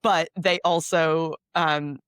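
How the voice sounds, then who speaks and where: A woman co-hosting a podcast in casual chat, speaking with a cold, chatty and quick to laugh, often repeating her phrases. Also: low-pitched, fairly even intonation, a bit bright, smooth, dry recording, studio quality. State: has a cold. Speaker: podcast co-host.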